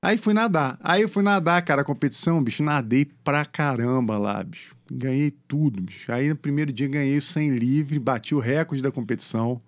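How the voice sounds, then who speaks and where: A middle-aged man, a podcast guest telling a story in an animated, slangy way, emotional and close to tears. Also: medium pitch, fairly quick, few pauses. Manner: animated, slangy, repeats "cara" and "bicho". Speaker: guest, former competitive swimmer. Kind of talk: casual storytelling.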